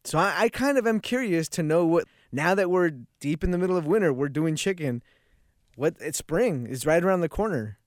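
A man's voice: a little high, animated, brisk, no echo, studio quality. A man co-hosting a podcast in casual chat, laid-back and often trailing off to restart his sentences. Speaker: podcast co-host.

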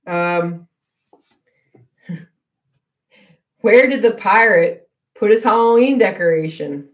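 A woman's voice: medium pitch, expressive, slow pace, reverberant. A woman co-hosting a podcast in casual chat, teasing and laughing often. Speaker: podcast co-host.

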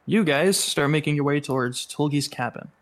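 A man's voice: a little high, moderate pace. A man narrating and running a tabletop role-playing game as game master, describing scenes plainly.

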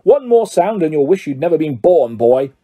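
A man's voice: fairly high pitch, very animated, moderate pace, breathy edge, narrow, tinny audio. A man voicing a bullying, irritable middle-aged uncle in an audiobook, blustering and menacing. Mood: seething anger. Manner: menacing, blustering, false politeness before guests. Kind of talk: audiobook character voice.

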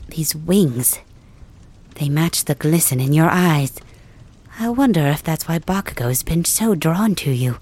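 A woman voicing a gentle, caring old male healer in an ASMR roleplay, speaking in a soft, soothing bedside murmur. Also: sits low. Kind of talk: ASMR roleplay audio drama.

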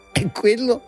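A man's voice: fairly bright tone, full character voice. A man voicing a stubborn, touchy unborn boy in a children's fairy-tale audio play. He grumbles and answers with sarcasm. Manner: grumbling, sarcastic, with wide swings in pitch.

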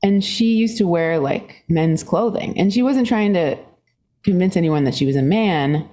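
A Singapore-born musician, guesting on a podcast, tells anecdotes at a moderate pace. Her delivery is animated, full of laughter, with her voice jumping higher as she speaks.

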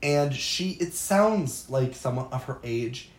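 Brief: female co-host, low pitch, eager casual chatter, echoey room. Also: expressive, takes it slowly. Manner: gushing, fills speech with "like". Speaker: podcast co-host. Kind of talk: enthusiastic casual chat.

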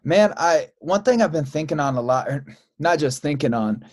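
A man hosting a podcast, talking in a relaxed, loose way with many fillers and restarts. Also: on the high side, moderate pace, dry recording, studio quality. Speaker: podcast host. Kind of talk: casual podcast chat.

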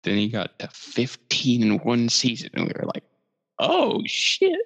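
A podcast co-host with a gravelly, mid-range voice and fairly even intonation talks at a moderate pace on a casual sports show. He's laid-back, swearing and laughing as he goes, and the audio is roomy, dull, and lo-fi.

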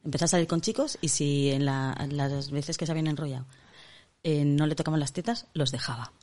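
Low-voiced Spanish woman chatting. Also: a little fast. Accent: Spain Spanish. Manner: relaxed, humorous, laughs easily, reads aloud at times. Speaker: podcast co-host. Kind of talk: casual chat.

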